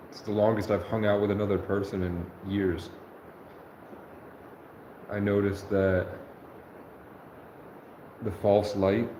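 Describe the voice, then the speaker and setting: A warm-toned man in his twenties speaks slowly and pauses often during a rambling livestream monologue, his fairly low pitch barely shifting. He is earnest and meandering and keeps correcting himself. The room is echoey, with faint noise.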